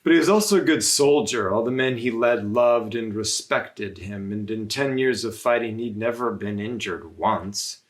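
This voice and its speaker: Pausing often and speaking in measured phrases, a man who is a religious brother reads a children's story aloud. His voice sits on the low side.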